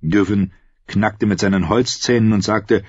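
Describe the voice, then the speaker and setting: A man narrating a fantasy story in a steady storytelling manner. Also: fairly low pitch, a little slow, husky, no echo, lo-fi sound. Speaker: audiobook narrator.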